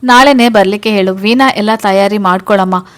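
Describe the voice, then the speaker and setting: A woman's voice: mid-range voice, brisk, fairly bright tone, natural voice. Woman reading as a middle-aged father, stern yet loving, firm fatherly tone, storybook narration.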